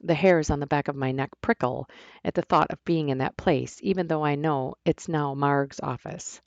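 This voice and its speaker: A woman narrates her own novel in the first person, reading at an unhurried pace with the odd restart. Her voice sits low with a gravelly edge. The recording is dry and slightly dull. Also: a little mellow, no echo.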